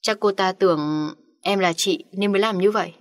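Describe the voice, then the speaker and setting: A woman voicing a gentle, polite young woman in an audiobook story. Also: mid-range voice, moderate pace, close to an everyday voice. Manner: soft, polite.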